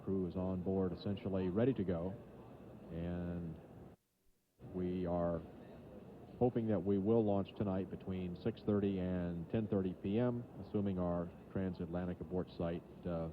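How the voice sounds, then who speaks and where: Low-voiced man, muffled launch commentary. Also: steady tone. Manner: measured, matter-of-fact. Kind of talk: live mission commentary. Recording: muffled, noisy archival broadcast audio.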